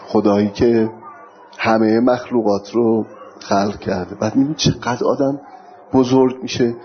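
A man's voice: lowish voice, steady tone. A middle-aged man preaching a sermon, lecturing steadily and reciting scripture between his points. The recording sounds dull and lo-fi, with faint noise underneath. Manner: lecturing, recites verses in Arabic, jokes with audience. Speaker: religious teacher.

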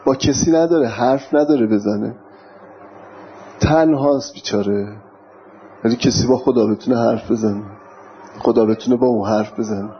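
Man lecturing in a dull lo-fi recording. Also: medium pitch. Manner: lecturing, recites verses in Arabic, jokes with audience. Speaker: religious teacher. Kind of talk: sermon. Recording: dull lo-fi recording with faint noise.

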